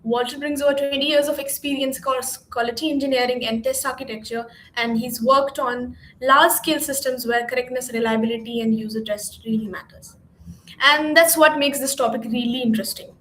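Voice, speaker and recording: High-voiced woman hosting in an echoey room. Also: steady tone, fairly quick, fairly bright tone, a little hiss or hum. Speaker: event host. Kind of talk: scripted conference introduction.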